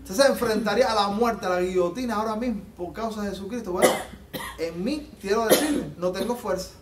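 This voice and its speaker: A man preaching a sermon as pastor, fervent and emphatic, swinging between loud peaks and quiet low passages, recorded in a church. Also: brisk, distant mic, noisy background. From Latin America. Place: church sanctuary. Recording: echoey church hall, off-mic.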